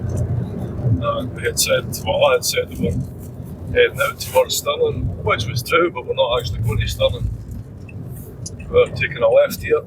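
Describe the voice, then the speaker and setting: A man's voice: high-pitched, wildly swooping pitch, a little slow, long pauses, very noisy. A man with a Scottish accent, narrating a road trip from the driver's seat in a casual, chatty way. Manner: chatty, playfully withholding. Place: inside a moving car. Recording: distant voice in car, loud music.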